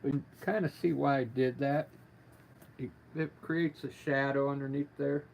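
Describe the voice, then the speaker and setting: A man giving a casual live painting lesson as a gentle, informal instructor with a gravelly voice, talking while he works. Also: medium pitch, fairly even intonation, normal speed. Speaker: painting instructor, livestream artist. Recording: noticeable background noise, live stream.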